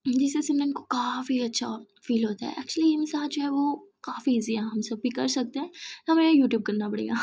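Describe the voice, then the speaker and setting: A woman narrating a romance story, often in a soft, near-whispered voice. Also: fairly high pitch, breathy edge.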